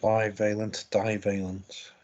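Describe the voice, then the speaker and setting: A man co-commentating a live game, measured and reflective as he chimes in on plays. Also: fairly low pitch, flat delivery, darkish tone, muffled recording.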